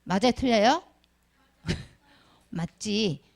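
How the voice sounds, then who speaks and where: This is a Sunday school lesson where a middle-aged woman calls on children by name and asks the class many questions, children's-sermon style. Her voice is medium in pitch, animated, creaky and slightly mellow, and she speaks extremely slowly.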